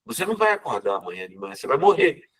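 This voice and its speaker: Man doing a village woman, caring, hushed, urgent. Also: mid-range voice, very animated, racing, slightly rough, far from the mic.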